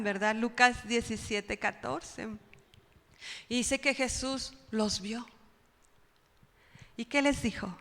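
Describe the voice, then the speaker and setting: A woman preacher gives a sermon in a church, her voice fairly high and trailing into a long hall reverb. She crics out the pleas she quotes and keeps asking her listeners questions. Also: bright, forceful tone. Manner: dramatic cries when quoting pleas, rhetorical questions. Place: church sanctuary.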